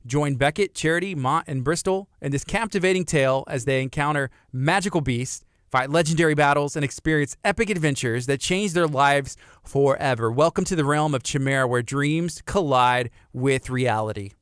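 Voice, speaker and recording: A man's voice: on the high side, moderate pace, hardly any pauses, a bit bright, clean tone, no room sound. A man in his thirties with a Texan accent, hosting a casual radio chat show in a studio, playful and laughing often. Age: 30s. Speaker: radio host.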